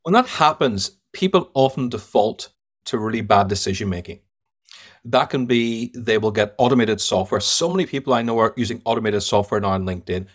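A man with an Irish accent, a sales trainer appearing as a podcast interview guest, tells stories emphatically and gives blunt verdicts. His voice is lowish, with lively intonation and a slightly fast pace.

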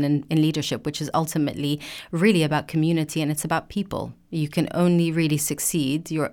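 A woman from Palestine in her forties, a museum director speaking as an interview guest in a measured, articulate way with frequent hedges. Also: low voice, a little mellow, clear, resonant tone.

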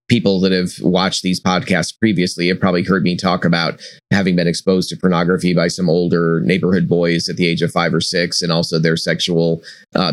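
A man's voice: deep voice, no room sound, clean studio sound. A man hosting a podcast, thoughtful and affirming toward his guest. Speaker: podcast host. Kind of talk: podcast interview.

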